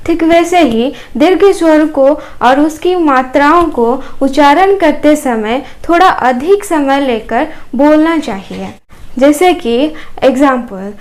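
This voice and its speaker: Brief: Odia-accented woman teacher, high voice, unhurried grammar lesson. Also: darkish tone. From Odisha, India. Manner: explanatory, with repeated examples and fillers.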